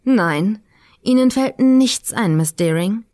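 A woman's voice: mid-range voice, expressive, takes it slowly, mellow, pitched above the performer's own voice. A woman voicing a sweaty, heavyset male college lecturer who snarls threats. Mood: mocking.

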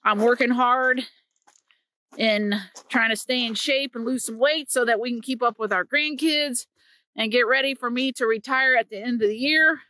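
Chatty and earnest, a vlog host in her fifties from Missouri, USA hikes through winter woods next to a creek, holding her phone at arm's length. Her slightly high voice is bright and forceful, her pace moderate, and there's no room sound.

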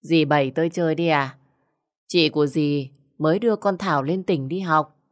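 Sly smooth-talking village husband, done by a woman narrator, low voice. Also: normal speed, natural voice. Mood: evasive. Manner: wheedling, evasive. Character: sly middle-aged man, head of the household.

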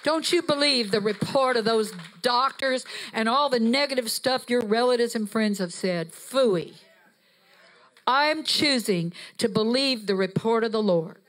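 A woman's voice: a little high, measured pace, a bit bright. A woman preaching with fervor and emphatic exhortation, walking the stage with a handheld mic in a church sanctuary. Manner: fervent, emphatic, rising to exhortation; walks the stage while preaching. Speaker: guest preacher. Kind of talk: sermon. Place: church sanctuary, mid-sized, indoors. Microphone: handheld microphone.

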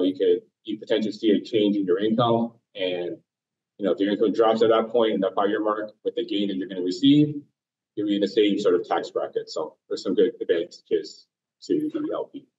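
A man's voice: on the low side, a little mellow, recorded from a distance. A man on a webinar explaining investments in a hesitant way, full of "um" and "you know", heard through a muffled, underwater-sounding remote mic. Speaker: investment panelist. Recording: muffled lo-fi call audio, off-mic.

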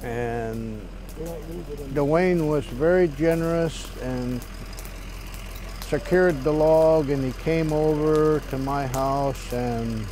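An older man in an interview, recalling slowly with hesitant pauses, outdoors at a work site. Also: on the high side, dark tone, slight background noise. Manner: slow, hesitant recollection.

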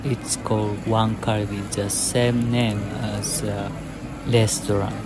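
A young man vlogging in a restaurant, explaining the dishes in slow, simple, short sentences. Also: fairly low pitch, level tone, very noisy. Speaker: food vlogger. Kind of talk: narrating a restaurant meal. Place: yakiniku restaurant, indoors.

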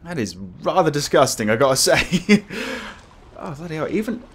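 A man's voice: a little high, big pitch swings, moderate pace, slightly rough. Jumpy, scared horror game streamer guy. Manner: scared, jumpy horror gamer, exclaiming and swearing. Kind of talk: casual let's play commentary. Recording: music behind the voice.

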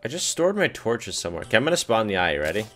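A man's voice: fairly low pitch, big pitch swings, racing, a bit bright, faint music behind. A man chatting casually while playing a co-op game, teasing his partner and a bit unsure of himself. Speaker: gaming co-host. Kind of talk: casual gaming chat.

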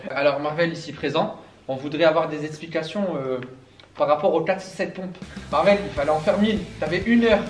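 A man's voice: fairly high pitch, a little fast. A young man co-hosting a fitness ranking to camera in a casual, teasing way, drawing out his announcements. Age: young adult. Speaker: co-host of a fitness challenge ranking. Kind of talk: casual joking presentation to camera. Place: indoor gym, camera a few metres away. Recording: roomy echo, music behind.

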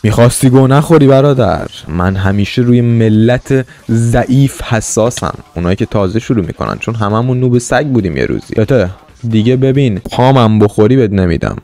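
A man's voice: mid-range voice, expressive. A young man streaming a Minecraft roleplay server, playing a swaggering gangster and chatting to viewers in between. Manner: swaggering tough-guy banter, swings between loud bravado and quiet asides. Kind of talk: in-character gangster roleplay with commentary.

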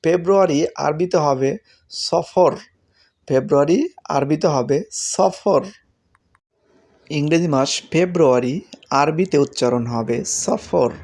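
Man slowly repeating words for learners. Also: a little high, darkish tone. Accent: Bangladeshi Bengali. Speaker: language teacher. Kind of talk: casual spoken lesson.

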